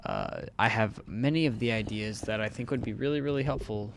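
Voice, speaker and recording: A young man narrates gameplay for his gaming channel in a lowish, gravelly voice that runs a little fast. Speaking into a desktop mic at home, he rambles chattily and corrects himself mid-sentence, with a fan faintly audible in the room.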